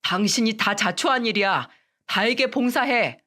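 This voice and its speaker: A woman's voice: a little high, moderate pace, sharp tone. A woman voicing a young husband in a radio story, curt and firm with his wife. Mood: cold. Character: young husband, cold and unforgiving.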